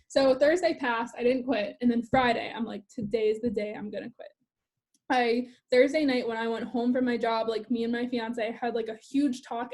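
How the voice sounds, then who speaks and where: A young woman with a fairly high voice talks through her story on a phone live stream. She is chatty and loose, full of "like", and stops now and then to answer comments from viewers. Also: a little mellow. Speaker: business coach.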